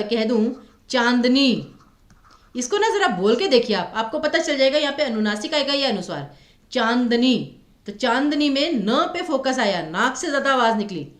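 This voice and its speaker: A woman with a Himachali Hindi accent teaches an exam-prep grammar class in a fairly high voice. She quizzes her students and draws out letters slowly. The room around her is echoey. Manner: asks students questions, sounds out letters slowly.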